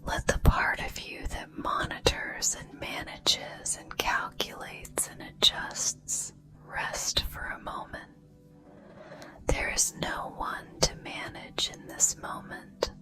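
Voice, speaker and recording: A woman gives a whispered ASMR pep talk of affirmations in a soft, breathy, deliberate and reassuring way, with pauses between phrases.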